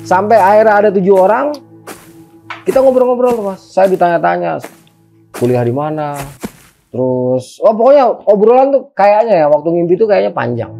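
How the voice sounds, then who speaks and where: A man with a Jakarta accent tells a story in an animated, slangy, chatty way. His voice sits a little high for a man, yet has a warm, mellow tone. Soft music plays faintly behind him. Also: moderate pace, vocal fry. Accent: Jakarta Indonesian. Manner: animated, slangy, addresses the host as Mas. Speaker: guest. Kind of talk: casual storytelling.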